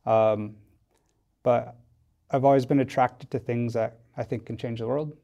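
At a measured pace, a mid-range, mellow voice with fairly even intonation explains things thoughtfully and hesitantly; it belongs to a tech company founder from Wisconsin, USA. He is a podcast guest in a studio for casual interview talk, and the recording's highs are cut off.

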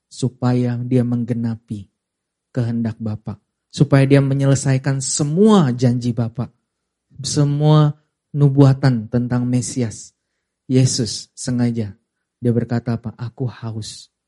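A young man preaching a sermon, animated and emphatic, leading his audience in call-and-response and dropping to quiet, serious asides. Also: measured pace, pauses often. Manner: animated, rising to high emphatic peaks, then dropping to quiet; calls and response, has the audience repeat lines. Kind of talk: sermon to a youth congregation.

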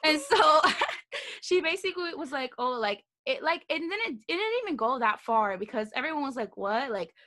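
A young woman with a high, sharply bright voice tells gossip in a casual chat. She is slangy and emphatic, punching her words as she recounts each story. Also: lively intonation, normal speed.

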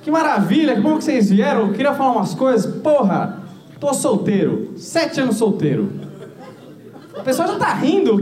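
Guy doing stand-up in a club, high voice, roomy echo, crude jokes. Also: a little mellow. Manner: storytelling with crude punchlines. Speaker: stand-up comedian. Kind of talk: stand-up set. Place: comedy club stage. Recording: echoey comedy club.

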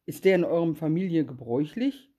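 A woman's voice: sits low, brisk, mellow. A woman voicing a trusting, good-natured little female mouse, eager and wondering.

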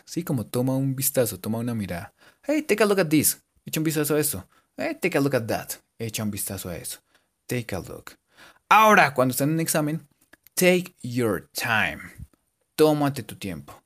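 A man giving a casual, joking English lesson and repeating English words slowly for his students. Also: mid-range voice, sing-song, a bit bright. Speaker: English teacher. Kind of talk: casual bilingual language lesson.

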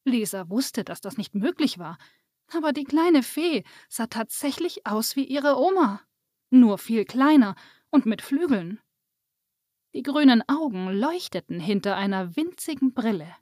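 A woman reading a children's Christmas story aloud in a calm, clear storytelling manner. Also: on the high side, unhurried, dry recording, clean studio sound.

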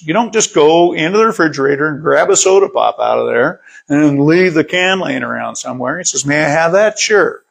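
Man, middle-aged, pastor, sermon, gravelly, slightly higher voice, conversational, repeats words. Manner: conversational, repeats words, reads scripture aloud.

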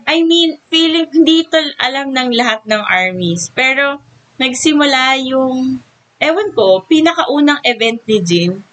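Young filipina podcast cohost, gushing, mixes english in, kinda high voice. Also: female voice, expressive, a little slow, a bit bright, rough recording. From Philippines. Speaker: podcast co-host. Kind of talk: casual chat.

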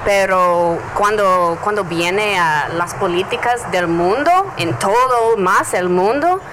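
A woman from the United States, a native English speaker, talks casually in Spanish with an American accent, searching for words as she goes. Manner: halting, searching for words in a second language. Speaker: interview guest, journalist. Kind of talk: casual conversation. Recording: noisy, with traffic rumble behind.

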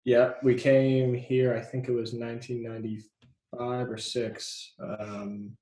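A man from New Zealand, raised in California, talking as a guest in a relaxed, understated way, recorded in an echoey room. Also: mid-range voice, slow. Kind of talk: casual chat.

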